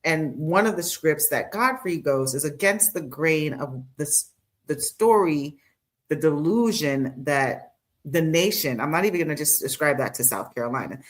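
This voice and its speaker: A woman's voice: deep voice, moderate pace. A woman co-hosting a casual podcast, talking in an emphatic, explanatory way. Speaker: podcast co-host. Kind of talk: casual conversational podcast talk.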